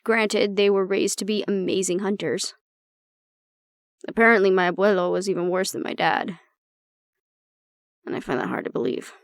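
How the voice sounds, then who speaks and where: Acting in an intimate audio roleplay, a woman voices an exasperated agent who vents to a single listener about her stubborn, disapproving father, in a reflective, explaining mood. She is blunt, sardonic and conversational, swearing, and lightly acted. Her creaky, mid-pitched voice moves at a moderate pace with frequent pauses, recorded close and dry.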